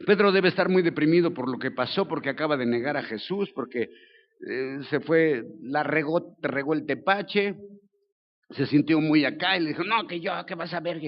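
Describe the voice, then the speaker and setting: Older Mexican pastor, slightly high voice, humorous slangy preacher, muffled lo-fi church recording. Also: male voice, normal speed. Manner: colloquial, joking, lively storytelling. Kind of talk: sermon.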